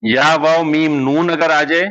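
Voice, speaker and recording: A man teaching Quran recitation in a madrasa class, explaining step by step and slowly drawing out recited examples. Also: fairly high pitch, little pitch movement, fairly bright tone, dull audio. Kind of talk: classroom lesson.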